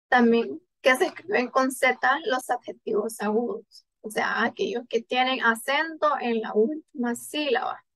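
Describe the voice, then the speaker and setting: A woman giving a class presentation on spelling rules, reading out example words with pauses and fillers. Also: on the high side, fairly bright tone, dry recording, poor audio. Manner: reads example word lists with pauses and fillers. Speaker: student presenter.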